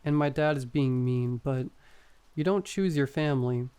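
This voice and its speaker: A man's voice: mid-range voice, moderate pace, dark tone, clean tone, close to an everyday voice. A man voicing a meek, pleading young boyfriend who is loyal to his monstrous family, in horror story dialogue. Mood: placating.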